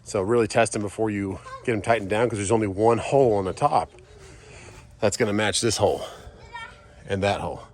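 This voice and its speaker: A man's voice: lowish voice, brisk, long pauses, darkish tone. A man in his thirties, a trucker vlogger, talking casually to camera as he explains a job on his truck. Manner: easygoing, thinking aloud while working. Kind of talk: casual family vlog and how-to talk.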